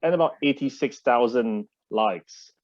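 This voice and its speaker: A man hosting a relaxed interview in a friendly way, leading his guest through questions. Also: mid-range voice, unhurried, no echo. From Australia. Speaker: interview host. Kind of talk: casual interview. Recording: dry, dull-sounding mic.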